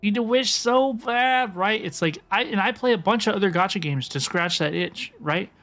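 Over gameplay on a livestream, a woman chats with viewers in a relaxed, slangy way, often repeating her own phrases. Her mid-range voice is fairly bright and moves at normal speed, with soft music underneath.

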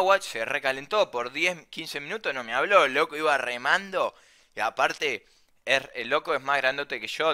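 A young man with a Rioplatense Spanish accent casually telling a travel anecdote, slangy and animated, swearing freely. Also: fairly high pitch, clear, resonant tone. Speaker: storyteller.

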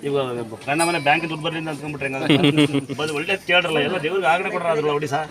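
Brief: rapid-talking man, higher voice, blesses and instructs devotees outdoors, crowd noise behind. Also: fairly even intonation. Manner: commanding, repeats instructions. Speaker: temple healer blessing devotees. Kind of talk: giving blessings and remedies to a crowd. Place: outdoor temple grounds among devotees.

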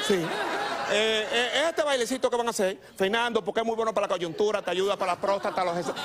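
A man doing a teasing comedy bit, bantering with dancers. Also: very high voice. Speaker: stand-up comedian. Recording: loud music behind voice.

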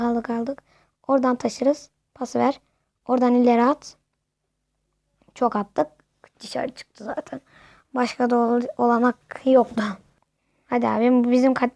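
Excitable high-voiced woman gaming. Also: gravelly, no room sound, lo-fi sound. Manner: excitable, yells at the game and the referee. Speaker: gamer. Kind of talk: casual gameplay commentary.

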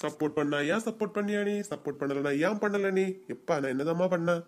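An actor voicing a gentle, doting middle-aged father in a cartoon comedy, with a Kanyakumari Tamil accent and a coaxing, soothing way of talking. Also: medium pitch, fast talker, lightly acted.

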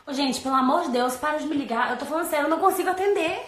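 A woman chatting casually with a friend, blunt, joking and quick to swear. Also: high voice. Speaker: friend of the vlogger. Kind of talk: casual chat. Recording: echoey room, faint noise.

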